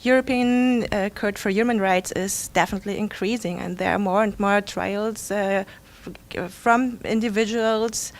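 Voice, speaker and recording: A woman's voice: mid-range voice, fairly even intonation, moderate pace. Woman panelist answering hesitantly. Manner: hesitant, with fillers and restarts. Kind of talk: academic panel discussion.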